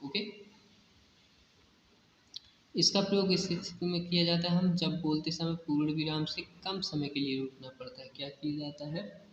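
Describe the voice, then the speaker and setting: A man's voice: medium pitch, a bit bright. A man explains grammar in a classroom style, asking questions and answering them himself. He mixes in words and keeps saying "okay". The recording is dull and lo-fi, with a long echo and faint hiss. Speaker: teacher.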